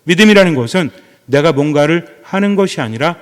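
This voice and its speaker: A man's voice: on the high side, animated, brisk, clear, resonant tone. Man preaching in a reverberant hall. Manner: asks the congregation questions and repeats phrases for emphasis. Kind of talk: sermon.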